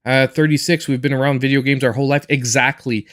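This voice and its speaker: A man's voice: mid-range voice, steady tone, quick pace, a bit bright. A man in his forties chatting casually and in a reserved way while he live-streams a game as host. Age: 40s.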